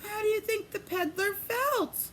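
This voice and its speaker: Her very high voice carries a sing-song, expressive reading of a picture book, with pauses to quiz the little ones listening. Faint background noise can be heard.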